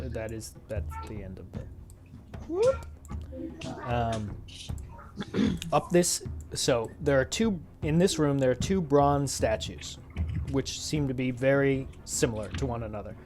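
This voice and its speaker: A man running a tabletop game as dungeon master, describing the scene in a halting way, often stopping to restart and correct himself. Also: medium pitch, a little mellow.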